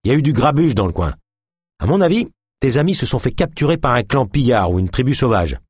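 A man playing a gruff, suspicious male guard who grumbles and speaks bluntly, read in an audiobook. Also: medium pitch, big pitch swings, fast talker, darkish tone, no echo, clean studio sound, pitched above the performer's own voice. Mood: gruff, wary.

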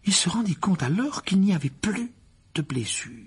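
A man's voice: sits high, big pitch swings, moderate pace, breathy edge. A man reading a fantasy novel aloud as narrator, telling it expressively and rising with the action. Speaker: audiobook narrator.

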